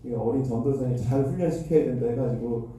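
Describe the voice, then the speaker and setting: Pastor guy telling a sermon story, dark mellow voice, big echoey church, mic far off. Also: mid-range voice, quick pace, a little hiss or hum. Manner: self-deprecating anecdotal storytelling with acted quotes.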